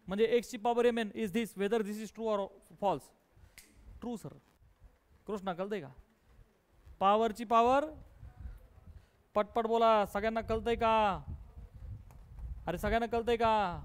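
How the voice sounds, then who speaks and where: A man with a Marathi accent teaches maths and keeps pressing his students for quick answers. His voice sits very high and comes through smooth and clear. He sounds close to the mic. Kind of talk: live online class.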